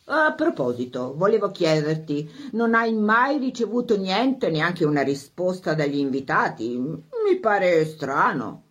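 A woman voicing a middle-aged husband who answers calmly and dismissively in a lowered voice. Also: a little slow, hardly any pauses. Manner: low, level, dismissive.

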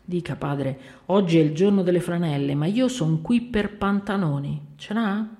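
Lady doing a loud cheeky porter guy, gravelly low voice, pushy and teasing. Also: moderate pace, natural voice. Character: brash bearded male porter, cheeky and bold.

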